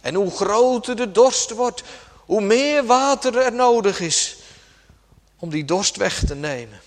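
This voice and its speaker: A man preaching a sermon slowly and dramatically, dropping suddenly to a hush at times. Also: high voice, expressive. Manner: slow, dramatic preaching with sudden soft drops. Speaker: pastor. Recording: long church reverb.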